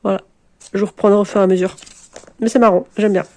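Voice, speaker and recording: A woman's voice: medium pitch, fairly even intonation, fast talker, mellow. A woman in her forties from France, chatting casually to camera in a rambling, self-mocking way with many hesitations. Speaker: book vlogger.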